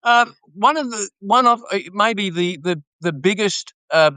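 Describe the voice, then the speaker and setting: Measured man with a halting delivery. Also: high-pitched, bright, forceful tone, clean tone, dry recording. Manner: measured, halting with many fillers. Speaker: podcast co-host. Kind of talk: casual conversation.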